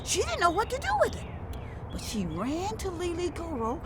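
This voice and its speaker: A woman storyteller with a Lowcountry Gullah Geechee accent tells a folktale in a high voice. Her delivery is theatrical and very lively, leaning on repeated phrases. There is clear noise around her. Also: normal speed. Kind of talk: animated oral folktale telling. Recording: clearly noisy background.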